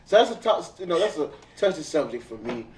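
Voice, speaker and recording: A man's voice: on the high side, big pitch swings, fast, a little mellow. A man hosting a casual chat show, joking and laughing often and boasting about himself. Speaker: host. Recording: echoey room, far from mic, faint noise.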